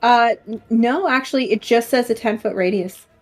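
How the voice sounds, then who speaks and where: A woman's voice: fairly high pitch, moderate pace, faint music behind. A woman playing in a tabletop game, chatting casually and laughing with the table. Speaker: player. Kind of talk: casual chat.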